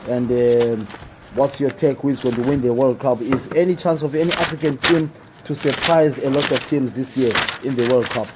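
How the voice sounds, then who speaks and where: A man's voice: mid-range voice, normal speed, very noisy. A man hosting a live football talk stream indoors, repeating his questions and calling on viewers to reply. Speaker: sports show host. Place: indoors in a building.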